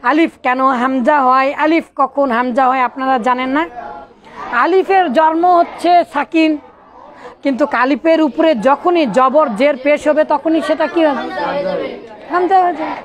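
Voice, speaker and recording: A man's voice: very high voice, moderate pace, a faint crowd. A man teaching Arabic grammar in a classroom lecture, quizzing his students and raising his voice at times. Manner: animated, quizzing students, bursts of raised voice.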